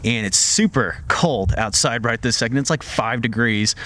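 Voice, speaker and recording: A man's voice: medium pitch, normal speed, pushed and bright. A man shooting a casual car walkaround vlog outdoors in freezing weather, chatty and loose with lots of filler words, breathing a little hard from the cold. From Colorado. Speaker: car vlogger.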